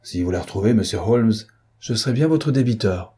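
A man's voice: lowish voice, expressive, a little fast, warm tone, slightly rough. A man reading an audiobook who voices a blustering, indignant middle-aged man with a mocking, rising delivery. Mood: pleading.

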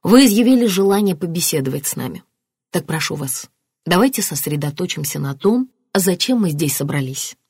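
A woman voicing a calm police detective. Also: on the low side, husky, dry recording, studio quality. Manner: measured, official.

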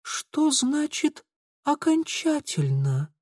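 Brief: male reader doing a coquettish young lady, easily offended, high lively voice, audiobook. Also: drawn-out words, dry recording, studio quality, heavily acted. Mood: coy, indignant.

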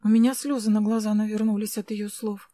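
A woman narrating a first-person story, reading it aloud in an even storytelling manner. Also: mid-range voice, fairly quick, no echo.

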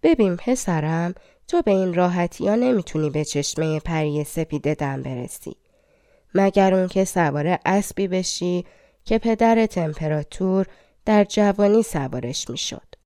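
A woman's voice: fairly low pitch, animated, mellow, no room sound, studio quality. A woman voicing an old female nurse who gives motherly advice in a storybook reading. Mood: fond, advising. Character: old wise female nurse, fond and knowing.

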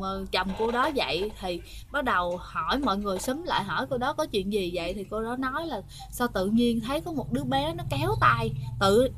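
Southern Vietnamese woman, casual ghost-story host, chatty with frequent pauses, faint background noise. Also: mid-range voice, a bit bright. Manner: chatty, frequent hesitations, keeps addressing listeners. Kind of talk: casual spoken storytelling to viewers.

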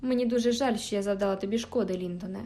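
A woman voicing a spirited, quick-tempered teenage girl in an audiobook, with emphatic, indignant outbursts. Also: mid-range voice, mellow, natural voice. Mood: remorseful. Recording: faint background music.

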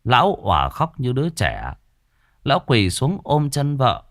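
A man narrating a horror story in a dramatic, expressive way, recorded on a close mic. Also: medium pitch, measured pace, no room sound.

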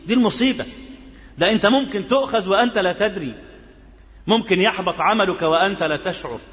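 A man with an Egyptian accent giving a Friday sermon, moving between formal Arabic and lively colloquial asides. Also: high voice, fast, big-room sound. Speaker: preacher.

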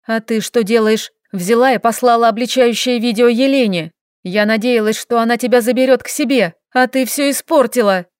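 A woman voicing a stern, guarded young woman in an audiobook, speaking in a sharp, reproachful way. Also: fairly high pitch, moderate pace, smooth, no room sound, studio quality, close to an everyday voice. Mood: scolding. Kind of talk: audiobook character reading.

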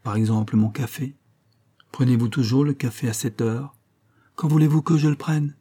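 A man's voice: medium pitch, moderate pace, dark tone, breathy edge, lightly acted. A man voicing an affected middle-aged woman posing as a Parisian countess, with a theatrical, wistful, mock-aristocratic manner. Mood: plaintive.

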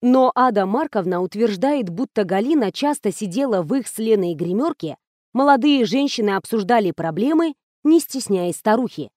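A woman narrates a detective novel in the first person with a measured, storytelling delivery. Her voice sits a little high. The recording is dry and close, with no room around it. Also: expressive, a little mellow, no room sound. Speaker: audiobook narrator.

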